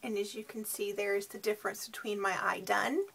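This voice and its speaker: Tired, husky woman with creaky voice. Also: mid-range voice, fairly even intonation, moderate pace, fairly bright tone. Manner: tired, sleep-deprived delivery. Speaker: beauty reviewer. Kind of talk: casual product demo chat.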